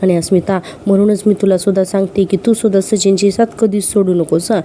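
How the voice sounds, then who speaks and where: A woman's voice: mid-range voice, steady tone, quick pace, mellow, slight background noise. A woman casually recapping a TV serial episode in a chatty running commentary.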